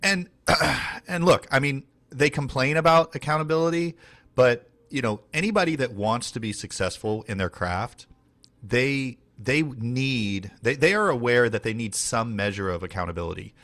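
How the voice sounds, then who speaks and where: Leading a casual training session as the team's trainer, a man rambles along with frequent fillers and restarts. His mid-range voice has a fairly bright tone, and he keeps a moderate pace.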